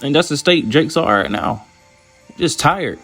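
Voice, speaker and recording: A man's voice: on the high side, animated, measured pace, fairly bright tone, soft background music. A man preaching informally and reading scripture aloud, repeating himself, restarting phrases and ending lines with "man" in a slangy, scolding way. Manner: repetitive, stammering restarts, tags "man" onto phrases. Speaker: self-styled preacher.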